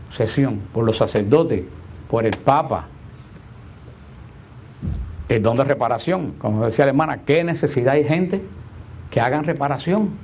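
A male preacher gives a homily to his congregation in a slightly higher-than-usual voice. He leans on repeated rhetorical questions, slowing to stress key words and then rushing through asides. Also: a little mellow. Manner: emphatic, repeats rhetorical questions, shifts between slow stress and quick asides.

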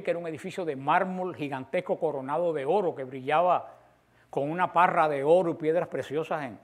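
A man delivers a sermon in a fairly high voice. He preaches dramatically, acting out the voices of the prophets, the people and God.

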